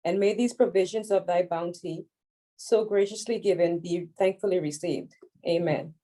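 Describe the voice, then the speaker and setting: A woman with a lowish, mellow, warm voice leads the opening prayer. She recites it solemnly and at a measured pace. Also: steady tone, low-quality recording. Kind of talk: formal prayer.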